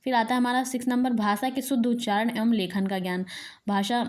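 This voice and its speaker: A woman's voice: on the high side, quick pace, a little mellow. A woman teacher giving an exam-prep lecture, reading each point aloud and then explaining it again in plain words.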